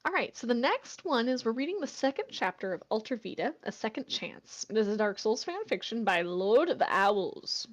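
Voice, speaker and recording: A woman who hosts a voice chat, joking and laughing often with friends and reading fan fiction aloud in a low, steady tone. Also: normal speed, hardly any pauses.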